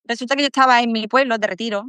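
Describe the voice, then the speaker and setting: Andalusian woman guest, smooth clear voice, dry close sound, earnest and reflective. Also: a little high, steady tone, very fast, dry recording. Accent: Andalusian Spanish. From Málaga, Spain. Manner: earnest, reflective, acts out inner dialogue in soft voices. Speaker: podcast guest. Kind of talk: casual interview chat.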